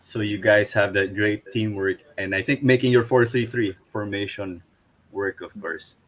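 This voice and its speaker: Male co-host, fairly low voice, relaxed questioning. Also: normal speed. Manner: chatty, asks long questions. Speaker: podcast co-host. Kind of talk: casual interview chat.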